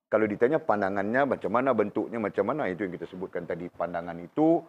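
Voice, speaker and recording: A man teaching an informal religious class, quizzing students by name and tagging his points with quick questions, sounding unwell. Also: on the low side, lively intonation. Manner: conversational, questions students by name, frequent tag questions. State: unwell, in pain while talking. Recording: dull lo-fi recording.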